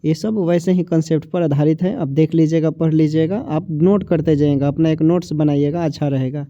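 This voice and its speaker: A man's voice: fairly high pitch, steady tone, brisk, mellow, no echo. A man with a Hindi accent from Bihar, teaching a grammar lesson for exam prep. He asks questions and answers them himself, and he stretches out each sound as he says it. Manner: repetitive, asks and answers his own questions; drags out sounds when saying them. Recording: dull, dry, lo-fi voice recording.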